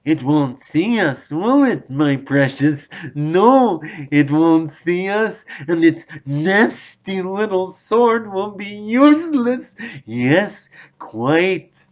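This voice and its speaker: A man's voice: high voice, big pitch swings, very slow, voice pushed up, full character voice. A man voicing a wretched, sly cave creature who hisses and wheedles, in a dull lo-fi audiobook recording. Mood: gloating. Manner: hissing, wheedling, talks to himself. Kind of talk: audiobook reading.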